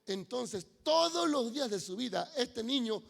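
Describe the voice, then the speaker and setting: A man's voice: extremely high pitch, fairly quick, gravelly, a bit bright, voice pushed up, full character voice. A man voicing an imploring praying woman. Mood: pleading. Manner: fervent, imploring. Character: pleading barren woman praying to God. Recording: long reverb of a church hall.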